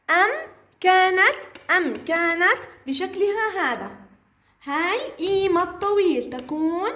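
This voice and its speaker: High-voiced woman teaching first-grade phonics. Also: fairly bright tone. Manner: slow, drawn-out sounding of syllables, playful and encouraging. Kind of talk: early-reading phonics lesson.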